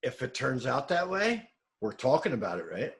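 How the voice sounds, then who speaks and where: A man's voice: medium pitch, big pitch swings, normal speed. A man co-hosting a casual podcast chat about movie trailers, emphatic and swearing freely. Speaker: podcast co-host.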